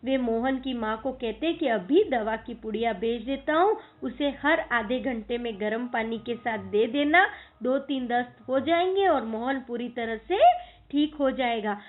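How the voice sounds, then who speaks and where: A woman teacher with a fairly high, unhurried voice retells a school play for her students, explaining difficult words as she goes. The recording sounds tinny, like a phone.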